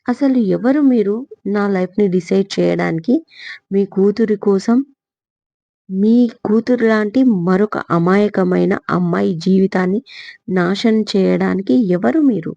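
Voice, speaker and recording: Brief: woman narrator plays wounded young man, cutting tone, dark husky timbre, dull recording. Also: medium pitch, measured pace, no echo. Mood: bitter accusing. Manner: harsh, accusing. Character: angry young man confronting his scheming aunt.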